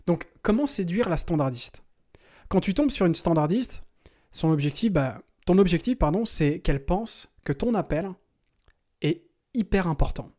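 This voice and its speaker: Un homme, coach en prospection commerciale, qui enseigne de façon directe et familière et qui joue des exemples d'appels. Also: male voice, high voice, animated, normal speed, darkish tone. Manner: direct, addresses the viewer informally, acts out sample calls. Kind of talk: teaching a cold-calling technique.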